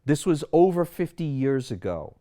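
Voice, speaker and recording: In a slightly high, sing-song yet dark voice at normal pace, this doctor in his sixties from Sri Lanka lays out his approach to wellness to camera, asking rhetorical questions throughout.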